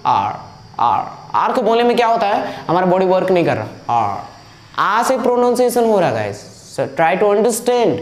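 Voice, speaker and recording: Echoey male teacher drilling pronunciation. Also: high-pitched. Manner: drills pronunciation by repeating words, mixes English into talk; scolding, demanding teacher tone. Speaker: English teacher. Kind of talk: classroom lecture on video.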